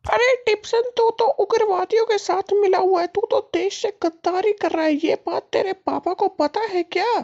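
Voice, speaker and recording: Brief: a very high, squealing thug voice, dull lo-fi sound. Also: male voice, steady tone, normal speed, hardly any pauses, a little mellow. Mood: taunting. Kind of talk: gameplay story voice-acting.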